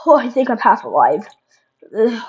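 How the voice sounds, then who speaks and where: A woman's voice: a little high, sing-song, normal speed, a little mellow. A woman voicing a dazed, injured survivor looking for help, groaning as she talks, heard on a dull lo-fi recording.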